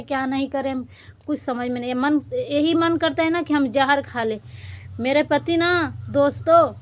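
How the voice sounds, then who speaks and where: एक युवा महिला व्लॉगर, जो बार-बार अपनी बात दोहराते हुए दुखी और गुहार भरे लहजे में अपनी निजी परेशानियाँ सुनाती है।. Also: female voice, high voice. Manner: distressed, pleading, repetitive; defiant outburst. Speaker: vlogger. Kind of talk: emotional personal vlog.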